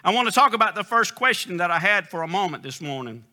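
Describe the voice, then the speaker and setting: Bright, lively male preacher. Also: fast talker. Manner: swings between loud, high, emphatic questions and quiet, low storytelling; reads scripture aloud in King James wording. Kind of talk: sermon.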